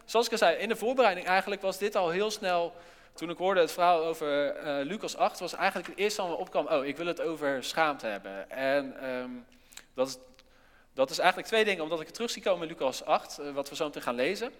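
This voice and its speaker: Man, church speaker, casual and self-deprecating, fillers galore; higher voice, echoing in a big hall. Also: brisk. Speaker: church speaker leading an interactive session. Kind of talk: casual interactive church talk. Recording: long hall reverb.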